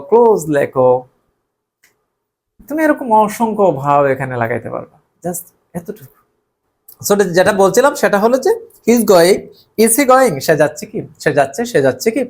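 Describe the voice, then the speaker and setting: Online tutor, animated sing-song delivery, repetitive drilling. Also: medium pitch. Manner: drills phrases by repetition, often checks "okay?". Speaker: online English teacher. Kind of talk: recorded online lesson.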